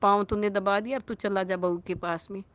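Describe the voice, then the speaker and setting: A woman voicing an older mother-in-law who has turned kind, speaking gently and reassuringly in a storytold scene. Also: mid-range voice, fairly even intonation, brisk, no echo, highs cut off, close to an everyday voice. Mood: gentle, kind.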